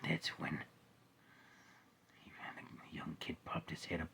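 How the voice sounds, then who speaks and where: A man narrating a story in the style of old-time radio, hushed and whispery with loud sound-effect bursts. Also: rumbling low, monotone, slow, vocal fry, breathy edge.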